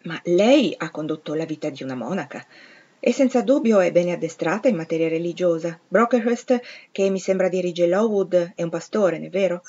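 A brusque, imperious gentleman, as a woman reader puts him on, clipped and used to giving orders. His questions come short and commanding, in a middle-low voice. The recording is a little dull and lo-fi. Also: a little fast. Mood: probing.

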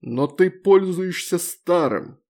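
A man reading an audiobook, voicing a proud, drunk male demon lord who drawls and turns loud and accusing. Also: high-pitched, expressive, pitched above the performer's own voice. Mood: furious. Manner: slow, loud, accusing and pleading.

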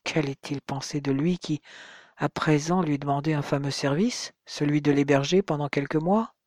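An audiobook narrator calmly reading a novel on a close microphone. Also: mid-range voice, moderate pace, no room sound.

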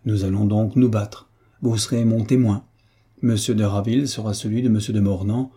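Man reading jovial mocking hunchback marquis, husky dark voice, teasing and theatrical. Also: lowish voice, steady tone, normal speed.

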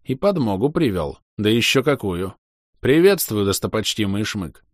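A man voicing a haughty, contemptuous four-armed male alien overlord in an audiobook, loud and commanding. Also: lowish voice, very animated, moderate pace, dry recording, clean studio sound. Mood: mocking.

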